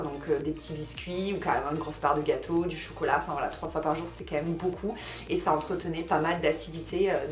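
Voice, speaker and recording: A French woman in her thirties, a lifestyle vlogger, chats casually to camera inside a house that's being renovated. Her voice sits low and the room sounds spacious. She fills her talk with fillers and keeps correcting herself and restarting.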